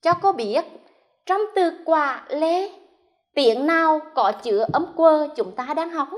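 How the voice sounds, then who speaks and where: A woman teacher from central Vietnam leads a first-grade lesson on television. Her voice sits high, and she speaks at an unhurried pace. She pronounces each sound clearly and draws it out for young children. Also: expressive. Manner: slow, clear, drawn-out enunciation for young children. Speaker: primary school teacher.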